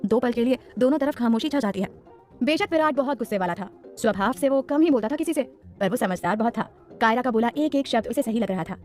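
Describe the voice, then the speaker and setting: Fast-talking woman narrating a drama story. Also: a little high, expressive, darkish tone, soft background music. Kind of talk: scripted audio story narration.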